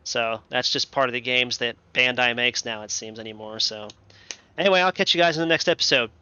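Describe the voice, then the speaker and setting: Young man, let's play host, rambling casual commentary, bright tone. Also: mid-range voice, fairly quick, clear, resonant tone, lo-fi sound. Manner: rambling, laid-back, self-correcting.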